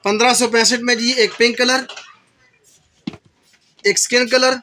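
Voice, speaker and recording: A male shopkeeper with a Pakistani accent, briskly listing handbag colors and prices for a shop video. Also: very high voice, level tone, pushed and bright. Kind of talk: sales pitch for a shop video. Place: indoor bag shop.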